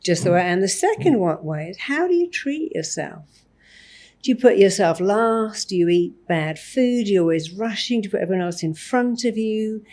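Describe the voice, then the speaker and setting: A woman therapist on a podcast interview, talking in an animated way and acting out examples of self-talk. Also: medium pitch, normal speed. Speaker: therapist guest.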